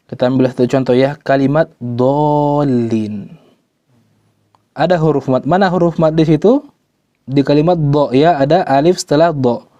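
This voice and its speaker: Unhurried male recitation teacher, mellow voice, dull dry recording, patient and repetitive. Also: a little high, dry recording. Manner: slow, patient, repeats words and restarts, recites example words drawn out. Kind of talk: tajwid lesson.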